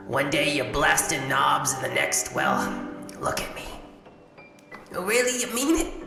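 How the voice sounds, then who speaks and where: A woman plays a battered female pleasure robot in a video game, low-pitched and jaded. She wisecracks in crass slang and stammers when her neediness shows. The voice rings with long reverb over clear music. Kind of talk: video game character acting. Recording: echoey hall reverb with music behind.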